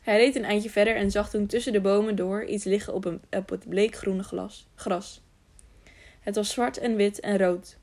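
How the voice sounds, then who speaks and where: A woman reading an audiobook aloud, with a gravelly, creaky texture in her voice. She stumbles over words now and then and goes back to correct them. Her pitch sits in the middle for a woman. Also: fairly even intonation, normal speed, darkish tone. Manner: frequent slips and self-corrections. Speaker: audiobook reader. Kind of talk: scripted narration.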